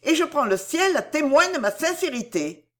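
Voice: sits high, big pitch swings, moderate pace, pitched above the performer's own voice. A reader voicing an earnest, compassionate young woman in an audiobook, speaking in a pleading, emphatic way. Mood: vowing. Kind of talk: audiobook reading.

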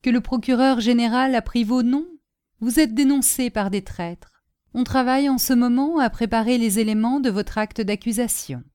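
A man who has sold his soul, icy and mocking, speaks with calm menace in a spoken storybook. A woman reads him, keeping her voice mellow and warm but flat with contempt. Nothing rattles him. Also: a little high, moderate pace, smooth, no room sound, studio quality, voice pushed up, natural voice. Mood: cold menace. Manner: cold, cutting, sneering. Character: demonic male cashier, cold and scornful. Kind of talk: audiobook character reading.

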